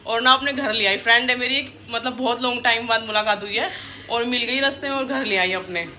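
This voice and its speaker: Young woman, casual vlogger, talking to her child and the viewers; phone mic, slightly high voice, noisy street behind. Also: fairly quick, sharp tone. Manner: chatty, talks to her small daughter between asides. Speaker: vlogger mother. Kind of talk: casual vlog chat. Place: outdoors in a park and streets. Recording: outdoor noise, traffic behind.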